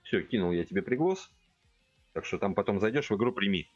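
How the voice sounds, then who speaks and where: Casting: a man in his forties, low voice, laid-back game streamer, dull dry home mic. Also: brisk, dry recording, faint music behind. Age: 40s. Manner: relaxed thinking aloud, addressing chat directly. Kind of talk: casual gameplay chat with viewers. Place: home room at a computer.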